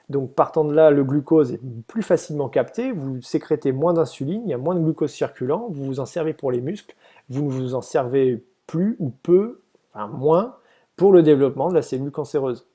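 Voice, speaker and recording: A man's voice: medium pitch, warm tone. A man giving a casual, explanatory slide presentation to volunteers, hesitant, with many fillers and restarts.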